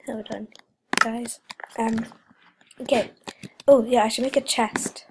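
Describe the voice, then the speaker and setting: In a noisy home recording with clicks, a teenage gaming host with a slightly high voice takes her time, keeping her intonation fairly even. Her casual gameplay commentary rambles, packed with fillers and frequent whispers, and a cold leaves her voice a little stuffy.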